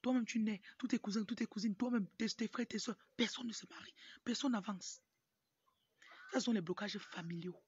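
A medium-pitched, slightly mellow and slightly rough voice with no echo belongs to a young woman talking at a moderate pace in a Cameroonian French accent. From Cameroon and raised in Tonga, this motivational speaker and livestream host gives a casual talk to camera that often breaks into asides. She's outdoors in a yard with her phone at arm's length, and the recording is muffled and noisy, with a rooster crowing in the background noise.

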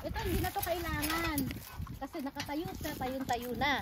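A woman's voice: high voice, moderate pace, noisy background. A woman from the Philippines vlogging on a farm, talking playfully and laughing often while out of breath from sawing branches. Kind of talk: casual vlog narration while working. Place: farm orchard outdoors.

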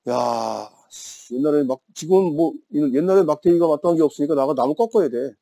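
Chatty male grammar teacher, mellow voice. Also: fairly high pitch, a little fast, gravelly. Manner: playful storytelling, teasing students. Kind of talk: classroom lecture with chatty anecdotes.

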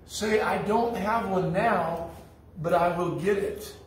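A man's voice: high voice, slow, slight background noise. A man preaching a sermon as pastor, telling stories in a blunt, folksy way. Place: church sanctuary. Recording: echoey church hall from far off.

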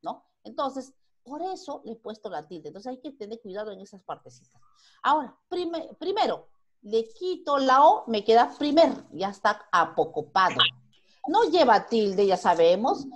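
A woman's voice: fairly high pitch, big pitch swings, moderate pace. A Peruvian woman teaching a primary school grammar lesson online, who asks the class questions and then answers them herself. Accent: Peruvian Spanish.

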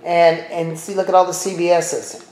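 This middle-aged man's voice is fairly high and darkish, with a flat delivery at normal speed. He casually shows viewers around a TV streaming service, musing aloud and adding chatty remarks as he clicks, in an echoey room.

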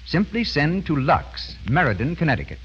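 Heard through a muffled, old-broadcast sound, a 1930s American radio announcer delivers an ad at a moderate pace. His voice has a husky edge and a lively, swooping pitch, and he sells formally and emphatically, placing each word with care.

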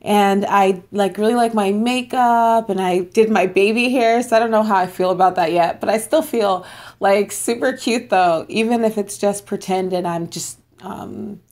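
A woman's voice: mid-range voice, normal speed, darkish tone. A young woman vlogging from home in a casual eat-with-me chat, bubbly and chatty, talking between bites while losing her voice. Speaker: mukbang vlogger.

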